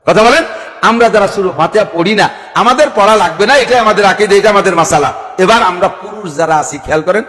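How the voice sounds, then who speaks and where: A man's voice: sits high, quick pace, fairly bright tone. A man preaching to a gathering, emphatic and full of rhetorical questions. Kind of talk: sermon at a religious gathering. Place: large outdoor gathering with PA sound. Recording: public address sound with long reverb.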